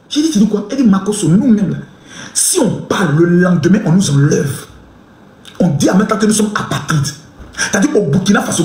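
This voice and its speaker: A man ranting in a live commentary, shouting insults with mocking laughter. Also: sits high. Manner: animated, swings between chanting and fast talk. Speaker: online commentator. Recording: echoey room.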